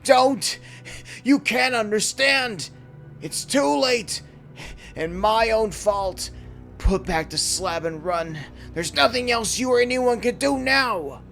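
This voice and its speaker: A man's voice: expressive, slow, creaky, a bit bright, soft background music, exaggerated voice. A man voicing a terrified, doomed man crying out from a vault in a strained, shaky, frantic voice, in a horror story reading. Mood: desperate pleading. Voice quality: strained, shaky, pushed high. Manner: frantic, urgent pleading.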